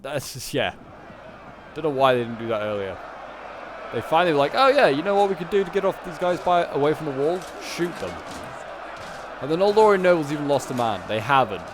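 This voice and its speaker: A man giving casual, animated live commentary on a strategy game battle in colloquial speech. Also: medium pitch, background noise. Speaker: gameplay commentator.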